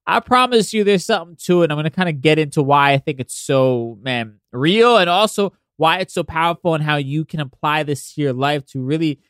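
A man's voice: fairly high pitch, fairly quick, hardly any pauses, fairly bright tone, clean tone, no room sound, studio quality. Nasal, stuffed-up man hosting a casual podcast. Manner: informal, sweary, conversational asides. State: congested from allergies. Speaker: podcast host.

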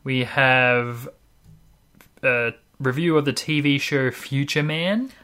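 Australian podcast host with a mid-pitched voice. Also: slow, bright, forceful tone. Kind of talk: casual co-hosted chat.

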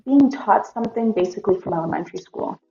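A woman's voice: medium pitch, animated, fast, vocal fry, dark tone, soft background music. A woman from Greece who was raised in Massachusetts, a podcast guest telling her story in a plain, matter-of-fact way. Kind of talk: casual chat. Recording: dull, muffled audio.

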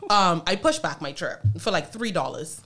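A woman with a lowish voice telling stories in a relaxed chat with friends. She talks in an animated, slangy way and laughs often. Her pitch swings widely as she goes. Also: moderate pace. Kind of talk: casual chat among friends.

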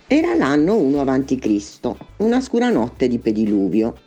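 Woman from Rome, low lively comic storyteller. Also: moderate pace, slightly rough, soft background music. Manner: playful, dramatic narration. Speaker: podcast contributor.

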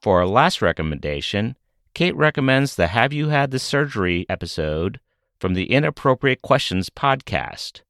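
A man's voice: lowish voice, very animated, moderate pace, a bit bright, no room sound. A middle-aged man hosting a podcast, reading scripted narration with a wry, self-deprecating manner. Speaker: podcast host.

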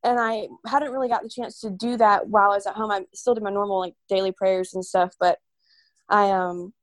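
A woman's voice: medium pitch, fairly even intonation, brisk, no echo. A woman singer, a guest, talking casually and emotionally with many fillers and restarts. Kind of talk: casual interview talk.

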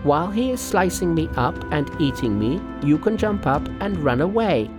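A man voicing a bossy, cheeky trickster monkey in a storybook reading, brisk and commanding. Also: on the high side, sing-song, music in the background, voice pushed up. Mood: breezy, confident.

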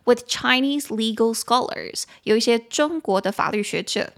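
A woman hosting a podcast English lesson. She switches between Mandarin and English, repeats phrases slowly, spells words letter by letter, and adds frank personal opinions. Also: on the high side. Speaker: podcast host and English teacher.

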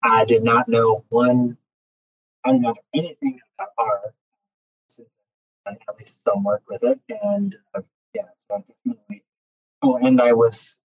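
A young man on a video call chatting casually and rambling, his voice coming through a tinny, metallic microphone that keeps cutting out. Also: medium pitch. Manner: rambling, restarts thoughts often. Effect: tinny, cutting-out microphone like a tin can on a string. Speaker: community call participant. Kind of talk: casual chat. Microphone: poor headset or computer mic on a video call.

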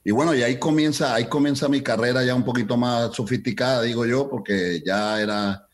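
A man's voice: mid-range voice, brisk. A middle-aged man telling a story in an interview, acting out the other people in it and switching between Spanish and English. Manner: animated storyteller, acts out voices, mixes Spanish and English. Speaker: salsa event promoter.

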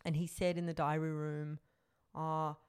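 A woman's voice: sits low, normal speed. A woman recapping a reality show in casual chat, acting out the people she quotes. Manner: animated, acts out quotes in put-on voices.

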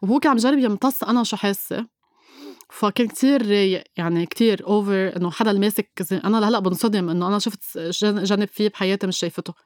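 A woman's voice: medium pitch, rapid-fire, a little mellow, no room sound, studio quality. A woman with a Lebanese Levantine Arabic accent tells a personal story as an interview guest, emphatically repeating phrases and mixing in English words.

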